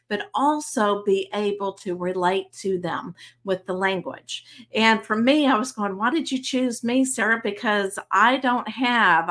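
A woman's voice: medium pitch, fairly bright tone. Middle-aged woman, earnest conversational explainer. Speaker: trance channeler. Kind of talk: casual explanatory talk to camera. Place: small home room, indoors.

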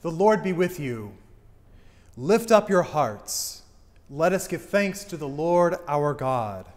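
A middle-aged priest intones liturgical prayers with solemn, declamatory weight, his loudness rising and falling with the text. His fairly high male voice rings through a reverberant church sanctuary. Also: expressive, takes it slowly. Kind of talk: chanted and spoken liturgy. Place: church altar, indoors.

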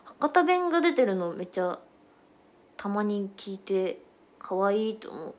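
Young woman doing a casual idol livestream, chatty, hops between dialects, mid pitch. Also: very animated, unhurried. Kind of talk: casual livestream chat with viewers.

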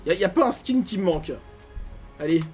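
Guy ranting over bad game loot, casual commentary, super animated voice, swears a lot. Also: high voice, quick pace, soft background music. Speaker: gaming YouTuber.

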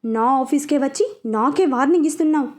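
A woman's voice: high voice, brisk, natural voice. A woman voicing an angry, wealthy middle-aged businessman who speaks indignantly. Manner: indignant shouting.

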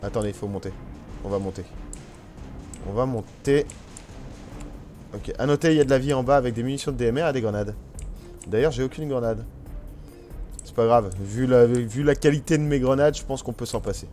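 A man's voice: mid-range voice, fast talker, dark tone, faint music behind. A man hosting a let's play, chatting casually as he plays, taunting enemies and exclaiming often. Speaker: gaming channel host.

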